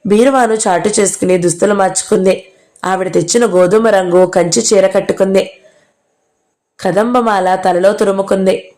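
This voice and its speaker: A woman's voice: medium pitch, steady tone, normal speed, darkish tone. A woman narrating a novel as an audiobook reader, reading all the characters' lines herself.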